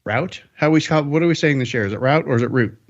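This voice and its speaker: A man's voice: mid-range voice, racing, dull audio. A man hosting a car podcast, chatting casually and upbeat, rambling with jokes. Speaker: podcast host.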